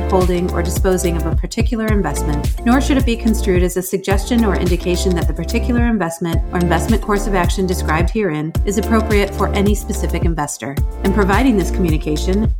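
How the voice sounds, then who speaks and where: Low-pitched woman, scripted podcast read. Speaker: podcast host. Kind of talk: scripted, measured presentation. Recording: music playing behind the voice. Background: music.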